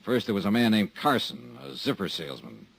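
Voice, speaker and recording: An actor playing a tough, wisecracking insurance investigator, with dry, sardonic narration and dialogue in a 1950s radio drama. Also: male voice, lowish voice, very animated, fairly quick, vocal fry, slightly rough, exaggerated voice. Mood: wry, guarded.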